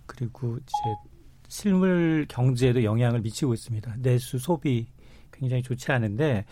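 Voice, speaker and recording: Mellow male radio panel commentator, dry sound. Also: medium pitch, no echo. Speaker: economics expert panelist. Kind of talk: explanatory radio panel discussion.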